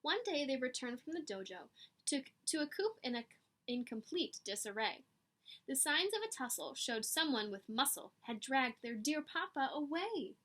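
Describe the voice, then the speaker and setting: A woman with a high, animated voice reads a picture book aloud to children at a normal speed, her tone sharp. She adds dramatic emphasis and teacherly asides in this expressive storytelling.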